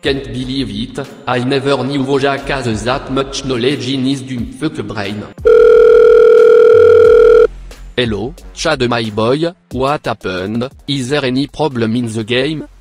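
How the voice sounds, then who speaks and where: A man's voice: medium pitch, measured pace, few pauses, faint music behind, lightly acted. A man voicing a pompous, mocking, foul-mouthed host of a cartoon parody game show. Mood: baffled disdain.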